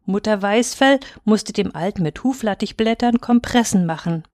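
A woman narrating a fairy tale aloud in a measured, expressive storytelling manner. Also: mid-range voice, no room sound, studio quality.

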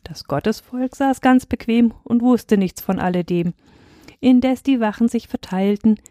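A woman narrating a rhyming Bible story for children, lively and changing her voice for the characters. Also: on the high side, a little slow, no room sound, clean studio sound.

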